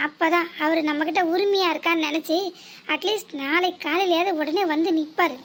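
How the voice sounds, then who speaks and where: A woman's voice: extremely high pitch, steady tone, fairly quick, fairly bright tone. A woman voicing a cold, scheming mother in a cartoon who boasts and threatens. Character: scheming wealthy mother plotting against a rival girl.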